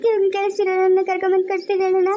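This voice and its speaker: A woman's voice: very high-pitched, completely flat delivery, rapid-fire, dark tone, a little hiss or hum. A woman playing a worried village mother of a deaf daughter, tearful and pleading, with a Chikkaballapur Kannada accent. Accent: Kannada of the Chikkaballapur region. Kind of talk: amateur family drama acting.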